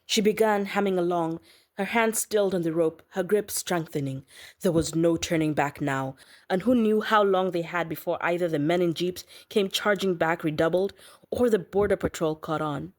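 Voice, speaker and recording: Low-voiced woman reading a novel. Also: normal speed. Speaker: audiobook narrator. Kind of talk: scripted narration.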